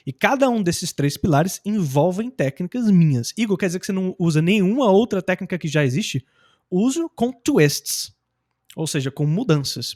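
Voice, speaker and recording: A young adult man from Brazil, an English teacher, explaining in a casual, slangy and animated way. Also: high-pitched. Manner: animated and slangy, acting out example phrases.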